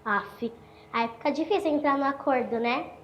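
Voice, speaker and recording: A woman's voice: high-pitched, normal speed, lo-fi sound, a little hiss or hum, close to an everyday voice. A woman playing an exasperated teenage girl. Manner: exasperated, chatty monologue with quoted mother. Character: teenage girl complaining about her strict mother. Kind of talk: short acted monologue video.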